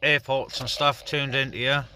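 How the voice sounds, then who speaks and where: Speaking at a normal speed with a flat, mid-range voice, a British CB operator and radio-hobby vlogger makes calls and talks casually to his audience. Clicky radio hiss makes the audio noisy.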